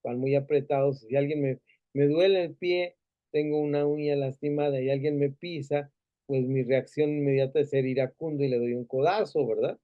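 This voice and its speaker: A man's voice: mid-range voice, steady tone, moderate pace, narrow, tinny audio. A man with a Mexican Spanish accent teaching a Bible class, asking the students questions and adding many fillers and tag questions.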